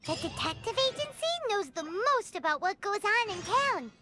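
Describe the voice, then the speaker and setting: A woman voicing a tiny, excitable, girlish fairy companion in video game dialogue, squeaky and exclamatory. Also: moderate pace, loud music behind the voice. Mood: chatty. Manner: squeaky, exclamatory, easily amazed.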